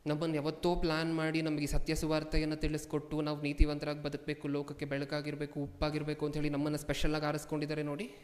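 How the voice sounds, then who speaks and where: A man preaching a sermon as a pastor, firing questions at his congregation and repeating lines for emphasis, moving between hushed asides and loud outbursts. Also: a little high, monotone, fast. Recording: long hall reverb.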